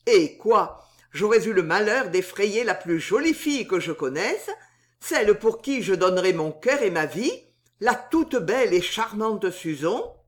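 Woman reading as a gallant young male poet, flowery and slow, lively pitch. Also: lightly acted. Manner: grand, pleading declarations.

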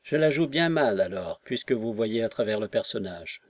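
A man's voice: lowish voice, expressive, normal speed, no room sound, studio quality. A man reading an audiobook and voicing a guarded young man who answers with cool, evasive irony.

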